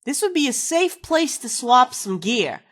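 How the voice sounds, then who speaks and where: A woman's voice: high-pitched, sing-song, a little slow, fairly bright tone, heavily acted. An actress playing a wisecracking, foul-mouthed woman companion in a video game, sarcastic and slangy. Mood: casual, wry.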